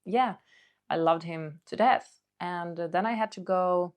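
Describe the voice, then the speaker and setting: A woman's voice: fairly low pitch, measured pace. A woman talking casually and candidly to her audience in a hesitant, rambling, confiding monologue, as a video creator.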